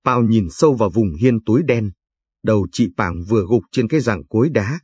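Husky low-voiced male storyteller. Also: lively intonation, normal speed, darkish tone, no echo, clean studio sound. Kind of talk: scripted storybook narration.

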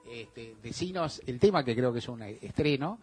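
A man's voice: medium pitch, animated, normal speed, loud music behind the voice. A man hosting a radio show with an Argentine Spanish accent, talking loosely with chatty, joking asides. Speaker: radio host. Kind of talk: relaxed radio talk.

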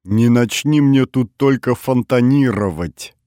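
A man's voice: lowish voice, expressive, moderate pace, darkish tone, no room sound, studio quality, lightly acted. A man voicing a grumpy, spry old male power engineer in an audiobook, grumbling and teasing.

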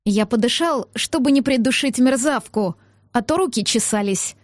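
Woman reading audiobook, first person, steady, highish voice. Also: normal speed, no room sound, studio quality. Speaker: audiobook reader.

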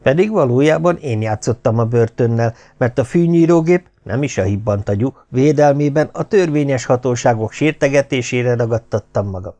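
A man narrating an audiobook in a wry, expressive storytelling manner. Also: medium pitch, hardly any pauses.

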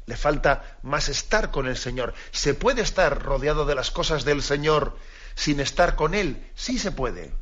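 A priest giving an earnest radio catechism talk, repeating key phrases for emphasis. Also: male voice, mid-range voice, a bit bright. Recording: dull lo-fi radio broadcast.

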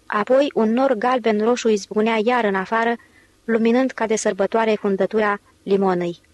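A woman's voice: on the high side, steady tone, no room sound. Woman narrating a novel, dry close sound. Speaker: audiobook narrator. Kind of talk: scripted literary narration.

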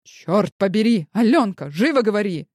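A woman's voice: mid-range voice, lively intonation, moderate pace, a little mellow, dry recording, clean studio sound, lightly acted. A woman voicing a worried, determined businessman who speaks urgently and gives commands.

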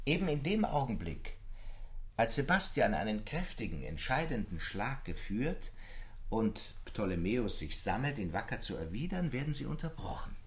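In a radio drama, a male actor plays a brooding, fervent literary storyteller, using old-fashioned literary phrasing. His mid-range, slightly rough voice is very animated, and he tells the story deliberately.

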